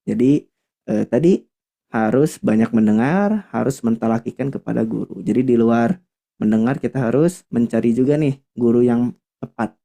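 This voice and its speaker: Gravelly-voiced male Quran teacher. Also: medium pitch, moderate pace, mellow. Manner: patient and explanatory, searches for words aloud. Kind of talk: online class explanation.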